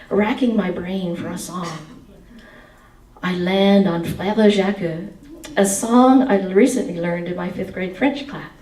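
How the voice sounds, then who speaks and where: In an indoor meeting room, a woman in her forties with a mid-range voice reads expressively from her memoir into a headset mic, singing snatches of song, then takes audience questions. The sound is roomy and the mic distant, giving a rough recording.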